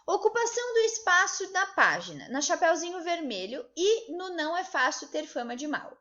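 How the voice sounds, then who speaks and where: A woman's voice: very high voice, very animated, moderate pace, pushed and bright, highs cut off. A Brazilian woman teaching a lesson to children, patient and encouraging, often checking in with the class. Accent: Brazilian Portuguese.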